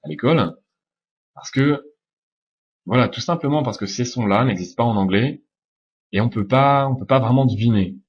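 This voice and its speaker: A man with a fairly low, husky voice gives a slide-based pronunciation lesson. He explains calmly, often pausing on "euh" and slowing down to model each sound. The recording is dull and lo-fi. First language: French. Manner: explains calmly, demonstrates English sounds slowly, frequent "euh" fillers. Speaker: English pronunciation teacher.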